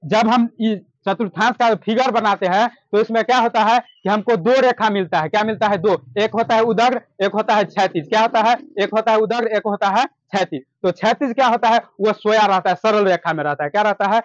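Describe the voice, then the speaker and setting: A man's voice: high-pitched, fairly quick, hardly any pauses, no echo, muffled recording. A man teaching math, asking his class a question and answering it himself, repeating each key term. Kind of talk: classroom lecture with call-and-response questions.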